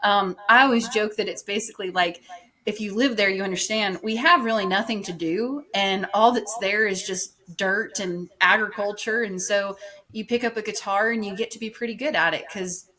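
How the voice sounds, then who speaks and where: A woman's voice: medium pitch, moderate pace, sharp tone. Chatty young woman, casual podcast guest. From Bakersfield, California. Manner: chatty, laughs easily, many fillers. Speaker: guest singer-songwriter.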